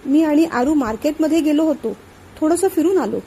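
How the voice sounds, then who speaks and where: A woman's voice: high voice, brisk, warm tone, a little hiss or hum, close to an everyday voice. A woman reading chatty young Vaidehi. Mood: chatty, defensive.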